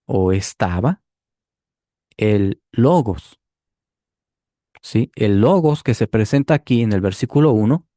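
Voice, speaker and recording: A man giving a deliberate Bible commentary, explaining step by step and checking in with the listener. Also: fairly low pitch, warm tone, dry recording, clean studio sound. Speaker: Bible teacher rebutting a clip. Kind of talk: apologetics commentary.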